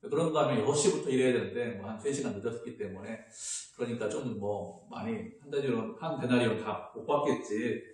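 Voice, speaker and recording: A man's voice: mid-range voice, a little fast, hardly any pauses, darkish tone. A man preaching a sermon as a pastor in a conversational way, now and then acting out people's complaints. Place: church sanctuary. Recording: very echoey church hall.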